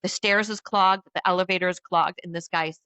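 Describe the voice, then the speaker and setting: A woman telling a dramatic personal story in casual chat, animated and acting out the voices of others. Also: fairly low pitch, fairly quick, clear, resonant tone, dry recording, dull audio. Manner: animated, acts out quoted voices.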